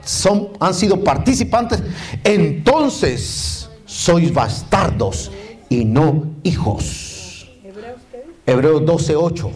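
A man preaching a sermon, reading Bible verses aloud and calling on the congregation to repeat after him, often saying "brother" and "look". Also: high-pitched. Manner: calls on the congregation to repeat phrases; keeps saying "hermano" and "mire".

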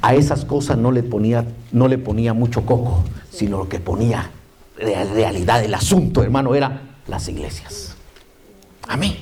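A man's voice: mid-range voice, animated, moderate pace, dark tone. A man preaching a sermon, reading Bible verses aloud and calling on the congregation to repeat after him, often saying "brother" and "look". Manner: calls on the congregation to repeat phrases; keeps saying "hermano" and "mire".

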